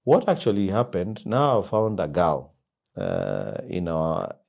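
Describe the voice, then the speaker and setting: A Kenyan man, a company founder, telling his life story in an interview with lively quoted dialogue and loud laughs. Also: low-pitched, measured pace, creaky. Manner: animated storyteller who acts out quoted dialogue and laughs loudly.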